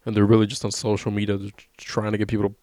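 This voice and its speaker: This young man co-hosts a podcast, chatting casually with plenty of rambling, frequent swearing and regular laughter. He speaks at a racing pace in a low-leaning, monotone voice with a warm tone. It's studio quality with no echo.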